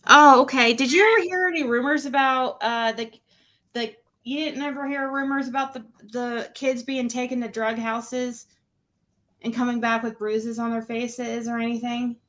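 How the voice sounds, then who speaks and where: A woman's voice: fairly high pitch, steady tone, moderate pace, pushed and bright. A woman hosting a casual livestream panel, asking questions in an informal, rambling way. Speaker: panel host. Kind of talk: casual true crime livestream chat.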